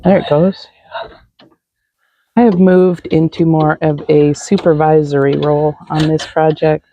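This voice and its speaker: A woman's voice: sits low, little pitch movement, measured pace, dull audio, noisy background. A woman hosting a casual project vlog, chatty and joking as she narrates the work. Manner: chatty, joking, laughs easily. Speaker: vlog host.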